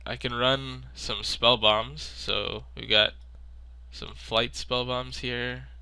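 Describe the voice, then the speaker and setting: Sick man, nasal stuffy voice, slow gravelly talk, casual card-game commentary. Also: mid-range voice, level tone, pushed and bright, no echo. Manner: thinking aloud, unhurried. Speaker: video maker.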